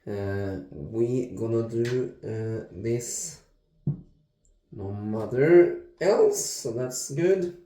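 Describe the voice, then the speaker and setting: A man in his thirties talks through his shave at a slow, unhurried pace, with plenty of ums and restarts. His voice is mellow and relaxed. The sound bounces around an echoey bathroom. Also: mid-range voice. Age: 30s. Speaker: shaving video host. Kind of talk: casual talk-through vlog. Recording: echoey room.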